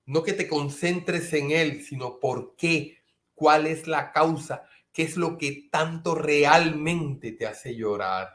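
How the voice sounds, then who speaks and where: A man's voice: a little high, takes it slowly, a bit bright. A middle-aged man preaching a sermon as a pastor, earnest, sometimes acting out his listeners' objections. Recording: echoey room.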